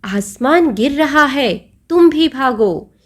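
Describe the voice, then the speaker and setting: A woman's voice: high-pitched, lively intonation, slow pace, voice pushed up. A woman voicing a big, curious male elephant who calls out asking the others to stop. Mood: puzzled.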